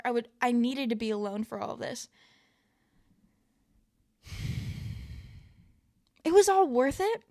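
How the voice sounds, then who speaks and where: A woman giving an emotional, self-reflective monologue, animated and excitable, often laughing and swinging from loud bursts to soft near-whispers. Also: a little high. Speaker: vlogger.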